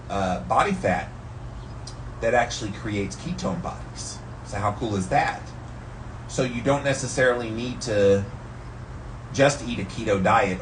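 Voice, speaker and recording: Male vlogger, casual and explanatory, speaking while immersed in ice cold water; mic set back, some ambient noise. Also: medium pitch. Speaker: vlogger sharing health tips. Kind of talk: casual explanatory talk to followers. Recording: distant mic, background noise.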